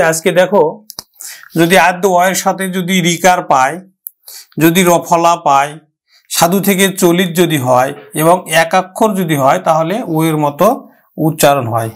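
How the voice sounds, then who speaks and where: A man teaching a pronunciation lesson, drawing words out syllable by syllable and repeating them. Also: fairly high pitch. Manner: slow, drawn-out syllable-by-syllable modelling, repeating words. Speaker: language teacher. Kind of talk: slow classroom pronunciation lesson.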